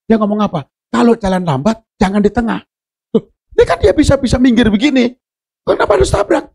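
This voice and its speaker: A man preaching a sermon in a church service, his high voice husky with a gravelly edge. He tells stories with jokes, drops to low murmurs and then rises to shouted preaching, and his pitch leaps all over. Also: animated, quick pace. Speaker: pastor.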